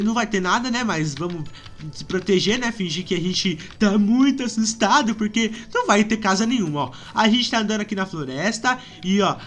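A man with a Brazilian accent doing let's play commentary, excitable and often breaking into frightened screams and cries. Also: sits high, a little hiss or hum. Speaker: gaming YouTuber.

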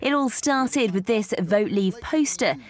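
A woman news reporter giving scripted narration in a measured, clear delivery. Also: on the high side, animated.

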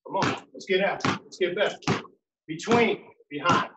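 High-voiced coach calling drills from afar. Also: male voice, moderate pace. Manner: calls out counts and cues, encouraging. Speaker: basketball coach. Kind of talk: home workout drill instruction. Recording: echoey room, mic far off, loud noise.

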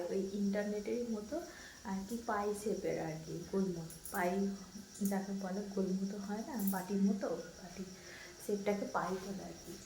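A woman chatting casually in a home vlog, talking softly with lots of fillers. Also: medium pitch. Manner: chatty, rambling with many fillers; talks softly so her sleeping son isn't woken. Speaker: vlogger. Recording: clear background noise.

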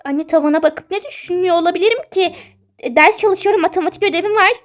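A woman playing a high-voiced protesting teen girl. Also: fast talker, soft background music. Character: teenage girl, dreamy and defensive. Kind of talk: toy-game role-play.

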